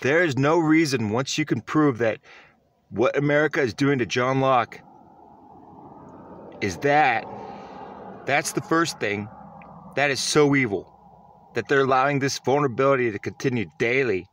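A man's voice: mid-range voice, moderate pace, long pauses, a bit bright. A man giving a self-recorded vlog monologue, earnest and rambling, often restarting his sentences. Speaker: vlogger.

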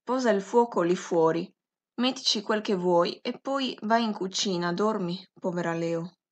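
Woman reading a calm, numbed grieving mother. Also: medium pitch, measured pace, lightly acted. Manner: quiet, even, detached calm.

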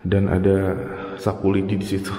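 A man narrates his walk through an empty house in a relaxed, slangy way. His low, warm voice rings back loudly from the unfurnished, high-ceilinged rooms, and there is a faint hum of noise behind it. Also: moderate pace. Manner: slangy, chatty, narrating each step. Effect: strong echo in empty high-ceilinged rooms. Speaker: vlogger exploring an empty house. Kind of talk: casual exploration vlog. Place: empty house without furniture, indoors.

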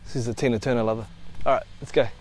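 By a river in a bush reserve, a middle-aged man from Australia rattles through a casual travel vlog full of bloopers, cheerfully laughing off every slip. His medium-pitched, darkish voice is steady and rapid-fire, picked up by a camera several metres away.

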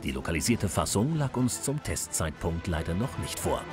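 Low-voiced man narrating game reviews over music. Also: sing-song, normal speed. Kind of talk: scripted magazine review narration.

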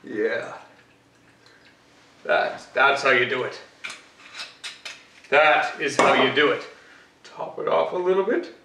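A man's voice: mid-range voice, expressive, slow pace, vocal fry, long pauses, bright, forceful tone, a little hiss or hum, exaggerated voice. Cocky Batman, as a man plays him in an echoey kitchen. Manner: chatty, boastful, rambling with fillers. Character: Batman, grown male hero, cocky and boastful. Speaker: cooking show host. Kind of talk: comic cooking demonstration. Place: home kitchen, indoors. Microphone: far camera. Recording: echoey kitchen, mic far off.

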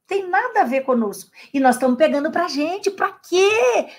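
A woman's voice: extremely high pitch, big pitch swings, moderate pace. A woman with a Brazilian Portuguese accent, a teacher of emotional intelligence, giving a casual live-stream talk. She stresses and repeats key phrases and greets viewers by name as she goes. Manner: asks questions in her students' voices.

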